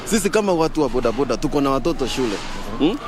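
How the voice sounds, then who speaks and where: A man's voice: medium pitch, lively intonation, rapid-fire. A man with a Kenyan accent speaking in an outdoor street interview. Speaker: motorbike taxi rider being interviewed. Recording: noisy outdoor street with vehicles.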